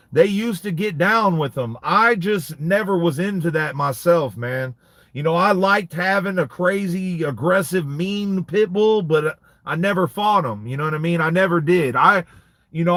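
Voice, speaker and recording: A slightly high, somewhat bright-voiced American man in his late thirties, a dog breeder, hosts a casual livestream. He answers viewer comments in laid-back street slang, and the recording is dry.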